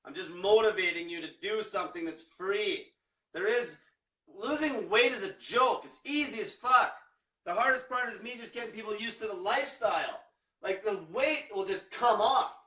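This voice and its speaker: Profane ranting man, high bright voice. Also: moderate pace, echoey room, far from the mic. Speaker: diet coach. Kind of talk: livestream rant.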